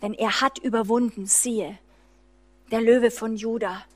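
A high-pitched woman delivers a fervent charismatic sermon. She preaches freely, restarting sentences, and drops from loud emphasis to a near whisper. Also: steady tone, measured pace. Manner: fervent, swings between loud emphasis and hushed low lines; frequent restarts and fillers while preaching freely.

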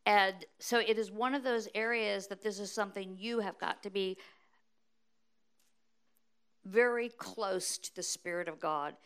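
A middle-aged American woman preaching at a conference in short, deliberate phrases, pausing for an interpreter. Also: mid-range voice, a bit bright, clean tone. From United States. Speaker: guest preacher.

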